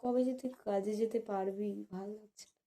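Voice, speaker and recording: A woman's voice: medium pitch, fairly even intonation, a little fast, dark tone. A woman in casual home chat, coaxing and teasing, repeating her requests. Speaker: wife.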